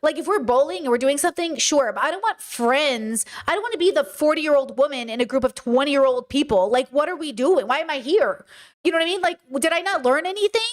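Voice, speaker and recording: A high-pitched woman in her thirties hosts a live stream and talks straight into it. She rants bluntly, swears freely and answers chat in a fast, casual commentary. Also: animated. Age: 30s. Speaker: streamer host.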